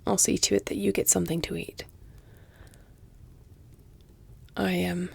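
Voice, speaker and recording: A close, dry microphone captures a woman acting as an elegant, seductive vampire for a scripted, intimate audio roleplay. Her lowish voice is exaggerated, dark and mellow with gravelly creak, breathy and hushed, frequently near a whisper, delivered flatly, slowly, formally and teasingly. She sounds fond and content, and the recording is very dry.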